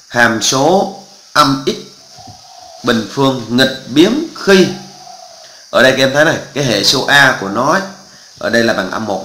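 A man's voice: medium pitch, sharp tone, reverberant, a little hiss or hum, rough recording. A male math teacher, walking through exam answers step by step and often checking that students follow. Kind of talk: exam walkthrough lesson.

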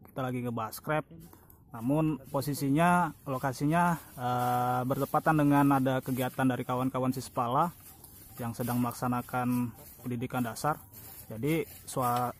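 A man's voice: mid-range voice, steady tone, normal speed, slight background noise. A young man hosting a bushcraft vlog outdoors, talking casually and hesitantly to viewers, full of fillers. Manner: hesitant, many fillers, friendly address to viewers. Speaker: bushcraft vlogger. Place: outdoors in a forest clearing.

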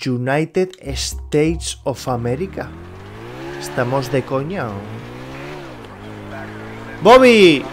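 A young man from Spain gives casual gameplay commentary as a streamer, exasperated, swearing often, and grumbling at the characters on screen. His medium-pitched voice is darkish and slow, with faint background music and game car sounds.

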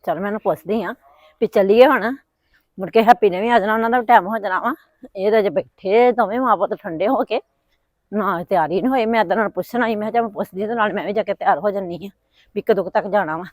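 An actress playing a worried, argumentative middle-aged village aunt with a Punjabi accent. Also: female voice, medium pitch, dry recording, close to an everyday voice. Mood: insistent. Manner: quick, arguing, worried. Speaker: aunt of the son.

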